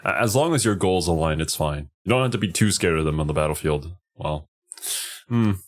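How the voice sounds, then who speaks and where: A man's voice: deep voice, expressive, fairly quick. A man streaming casual reaction commentary, thinking aloud a little hesitantly as he goes.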